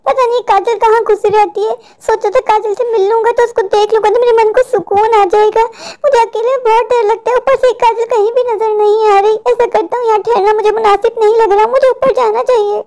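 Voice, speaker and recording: Jittery cartoon husband played by a woman, very high voice, whiny and fretful. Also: fairly even intonation, brisk, warm tone. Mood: frightened. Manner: fretful, complaining, panicky. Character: frightened, whiny adult husband, mall owner. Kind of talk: cartoon voice acting.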